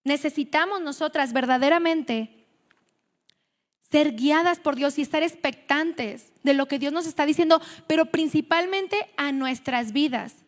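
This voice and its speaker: A Mexican woman preaches to a women's gathering in a high voice, chatty and storytelling, often restarting her words. Her voice carries a long hall reverb. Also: a little slow. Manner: conversational, storytelling, self-correcting. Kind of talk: sermon at a women's meeting.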